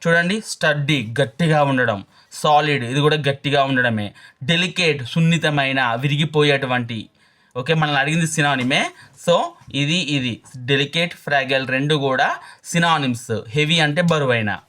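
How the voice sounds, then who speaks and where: A man teaching exam English questions, reading each question slowly and then explaining it quickly. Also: fairly high pitch, pushed and bright.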